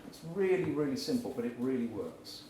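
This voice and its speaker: Talking a little fast at medium pitch, a man leads a live audience through exercises in a short, energetic talk, his voice rising to loud calls at moments. The sound is distant and echoey, with the crowd audible throughout.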